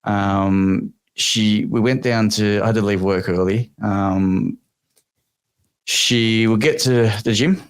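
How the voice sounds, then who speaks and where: An Australian dad with a fairly low voice, settling into an easygoing story about his daughter. He talks casually and warmly paced, like he's sharing it among friends. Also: steady tone, slow pace, clear, resonant tone, no room sound. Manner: easygoing, anecdotal. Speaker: guest's father.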